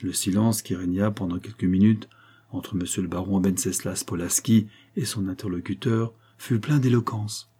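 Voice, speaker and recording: A male storyteller reads an old adventure tale in scripted narration. His voice sits low and dark, with a husky edge. He lifts his tone when he voices the quoted lines. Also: fairly even intonation, moderate pace. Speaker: audiobook reader.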